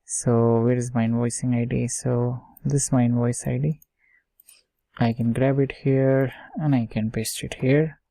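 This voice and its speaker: A software tutorial instructor speaks a little slowly in a mellow, medium-pitched voice with vocal fry and a flat delivery, with no room sound. During his informal screen-share coding tutorial he goes step by step, mutters as he types, and frequently checks in with "okay" and "right."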